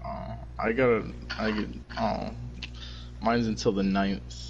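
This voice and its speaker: A man's voice: on the low side, little pitch movement, slow pace, muffled recording. A young man chatting with a streamer friend, joking dryly and swearing casually. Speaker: friend on call. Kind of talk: casual chat over gameplay. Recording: noisy voice chat audio.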